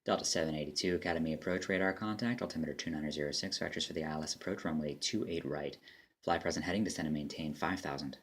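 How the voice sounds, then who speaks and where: A man's voice: very deep voice, quick pace. A man speaking as an air traffic controller, mixing clipped phraseology with casual commentary. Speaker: air traffic controller player and demo narrator.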